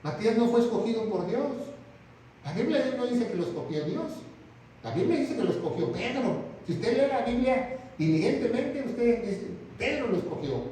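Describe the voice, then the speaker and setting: A man delivers a sermon in a high, mellow voice. He acts out the quotes and keeps asking his listeners to agree. The sound is distant and booming, with faint noise underneath. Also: normal speed. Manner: animated, acts out quotes, asks the audience for agreement. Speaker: pastor. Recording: echoey room, mic at a distance.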